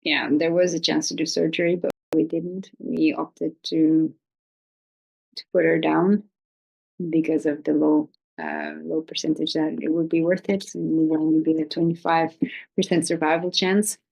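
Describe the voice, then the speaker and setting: A woman with a fairly low voice and plenty of vocal fry hosts an informal video. She speaks unscripted in a gently consoling way, often hesitating and letting thoughts trail as she searches for words. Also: little pitch movement, normal speed, lo-fi sound. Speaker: video host giving pet-loss advice. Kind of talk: informal, unscripted talk to viewers.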